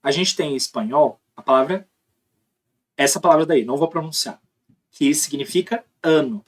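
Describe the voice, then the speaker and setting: A man with a Brazilian Portuguese accent delivers a recorded linguistics lesson. He explains patiently, pauses to pronounce sample words aloud, and keeps checking that the listener is following. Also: fairly high pitch. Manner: explanatory, demonstrates sounds aloud, frequent tag questions. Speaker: linguistics teacher.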